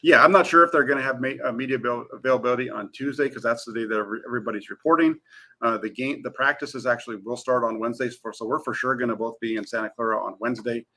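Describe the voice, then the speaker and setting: Quick-talking reporter guy, bright voice, pumped and eager. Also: medium pitch. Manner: energetic and eager. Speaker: team beat reporter. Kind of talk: casual sports talk.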